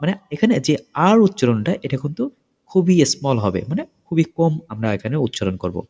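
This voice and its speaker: A man with a fairly high, animated voice leads an English lesson. He explains each example step by step and keeps checking in with his listeners. The sound rings with a long reverb. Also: fairly quick, lo-fi sound. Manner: lively, repeats examples with check-in questions. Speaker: English teacher.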